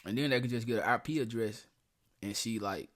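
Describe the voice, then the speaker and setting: A man's voice: mid-range voice, brisk. A young man hosting a reaction video, talking bluntly in street slang with plenty of profanity and telling stories between clips. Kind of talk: casual reaction commentary.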